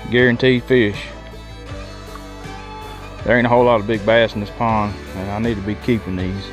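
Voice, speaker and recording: A man's voice: lowish voice, flat delivery, normal speed, faint music behind. A man chatting casually to viewers while bank fishing at a pond, folksy and talkative. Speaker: fishing vlogger. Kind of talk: casual outdoor commentary.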